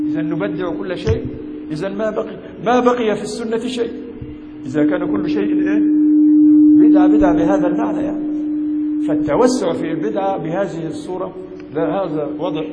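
A man with a Cairene Egyptian accent lectures as a sheikh, his voice pitched high. He keeps throwing rhetorical questions at the room and slides between classical and everyday Arabic. The recording is roomy and echoey, with a steady hum underneath. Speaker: sheikh teaching a theology text. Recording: echoey hall with humming noise.

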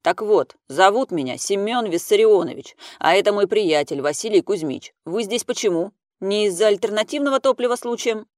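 A man's voice: high-pitched, lively intonation, moderate pace, few pauses, dry recording, clean studio sound, voice pushed up. A man voicing a bossy older man who gives orders in a commanding tone.

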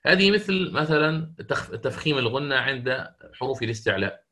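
Man explaining recitation rules, with pauses. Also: mid-range voice, expressive, sharp tone. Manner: explanatory, pausing often with drawn-out fillers; demonstrates recitation slowly and melodiously. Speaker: Quran recitation teacher. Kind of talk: recorded lesson on recitation rules.

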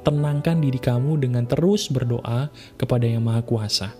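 A man, hosting an advice show and answering listener emails in a casual, lively way, mixing slang and acting out quoted voices. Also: medium pitch, moderate pace. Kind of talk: casual spoken advice monologue. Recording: soft guitar music behind.

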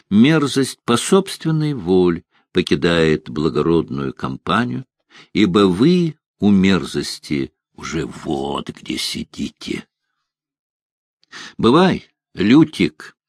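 A man voicing a proud, weary witcher who speaks with measured, icy sarcasm. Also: low voice, sing-song, no room sound, clean studio sound, full character voice.

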